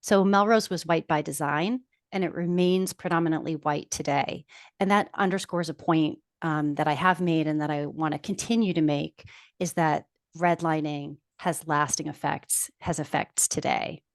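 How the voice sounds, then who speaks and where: A woman's voice: low voice, steady tone, moderate pace, no room sound, clean studio sound. A woman presenting slides to an audience on an online video call.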